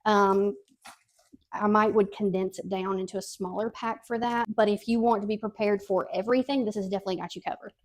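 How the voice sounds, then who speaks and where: A woman's voice: medium pitch, fairly even intonation, fairly quick. A middle-aged woman giving a casual, friendly product review in a conversational, explanatory way.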